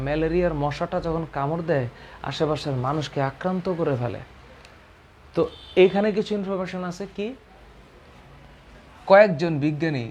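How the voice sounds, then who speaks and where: Male biology teacher, slightly high pitch; patient, repetitive quiz-style explaining. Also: a little mellow, a little hiss or hum. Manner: explains slowly, repeats key terms, asks and answers own questions. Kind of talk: biology lesson to students.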